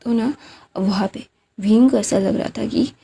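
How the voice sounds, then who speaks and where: A woman retells a fan story in a casual, chatty way, stringing it along with fillers. Her voice is gravelly and mellow. Now and then she sinks to a hushed near-whisper. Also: a little high, measured pace, a little hiss or hum. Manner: chatty, loose, lots of fillers, drops to a near-whisper for tense parts.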